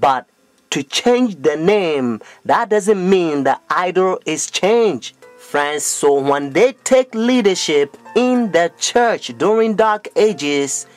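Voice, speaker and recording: A man's voice: high voice, lively intonation, takes it slowly, soft background music. A man preaching a sermon, calling listeners "friends" and reading Bible verses aloud, with non-native grammar.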